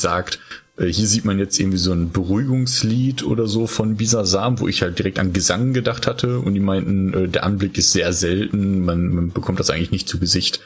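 Low husky man, rambling storyteller. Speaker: podcast co-host. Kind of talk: casual chat.

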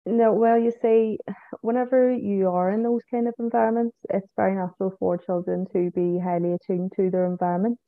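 A psychic medium from Northern Ireland talks casually as a podcast guest, speaking a little fast in a medium-pitched, steady voice. The recording is dry and tinny like a phone line, and she repeats herself while tagging sentences with "you know" and "so it is."

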